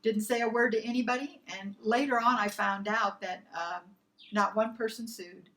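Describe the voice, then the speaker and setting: A woman shares a personal faith testimony in a casual, animated way, acting out the quoted voices in her story while stammering and repeating herself. Her voice is fairly high at a moderate pace, and the audio is poor.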